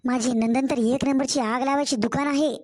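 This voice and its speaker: A woman's voice: high voice, steady tone, moderate pace, background noise, natural voice. A woman voicing a weary young new mother. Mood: complaining. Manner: complaining, pleading. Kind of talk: cartoon story voice acting.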